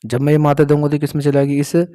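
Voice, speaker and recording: A man's voice: on the high side, monotone, quick pace, mellow. A man teaching a shorthand class, patiently explaining each stroke and answering his own questions. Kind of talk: explaining a lesson step by step.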